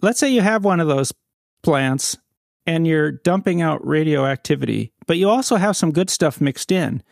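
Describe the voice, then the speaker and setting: A man co-hosting a casual talk show who argues his points in a measured way and builds analogies. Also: on the high side, animated, gravelly, no echo, studio quality. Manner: measured, argumentative, uses analogies. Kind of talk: casual chat.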